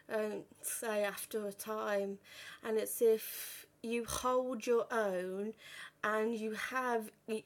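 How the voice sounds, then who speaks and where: Woman, 30s, stammer, very slow delivery, slightly high voice. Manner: stammers, with repeated words and broken starts. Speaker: vlogger. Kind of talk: personal talk to camera.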